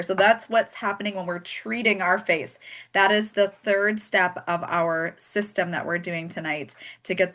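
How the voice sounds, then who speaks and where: A woman's voice: fairly low pitch, sharp tone. A woman hosting a live skincare product demonstration, chatty and joking as she walks through each step. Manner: chatty and joking, laughs often. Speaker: host and skincare consultant.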